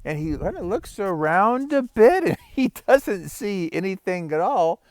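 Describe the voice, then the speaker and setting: A man's voice: high voice, sing-song, a little slow. A middle-aged man, a vlogger and life coach, telling a funny story and giving life advice outdoors by a pond in a chatty, upbeat way. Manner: upbeat, chatty, chuckles often.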